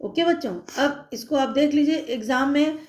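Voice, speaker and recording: Patient woman teacher, high voice. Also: a little mellow. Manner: patient, slow spelling-out of letters and vowel signs, frequent check-ins. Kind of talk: recorded online class for young children.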